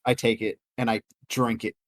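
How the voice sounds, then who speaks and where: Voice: medium pitch, flat delivery, moderate pace, dry recording, clean studio sound. A tabletop player who laughs often and talks loosely. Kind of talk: casual game chat.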